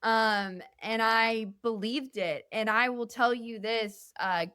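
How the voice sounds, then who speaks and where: A woman's voice: fairly high pitch, steady tone, slow, bright, forceful tone, smooth, no room sound, studio quality. A young adult woman talking as a guest musician in a casual podcast interview. She speaks candidly and earnestly, rambling with many fillers. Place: indoor podcast studio.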